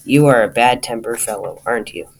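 A man voicing a cheerful, friendly little man in a storybook, bright and polite. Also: medium pitch, fairly quick, vocal fry, slight background noise, close to an everyday voice.

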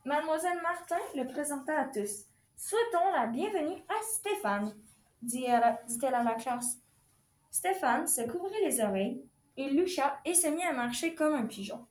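A woman with a high, light voice reads a children's picture book aloud, telling the story expressively. The recording carries a noticeable room echo. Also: expressive, moderate pace. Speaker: storybook reader. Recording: echoey room.

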